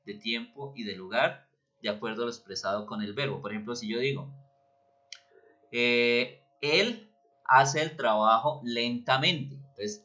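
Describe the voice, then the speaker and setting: Bright-voiced teacher explaining grammar. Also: male voice, medium pitch. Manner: patient, checks in with listeners often. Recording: dull lo-fi recording.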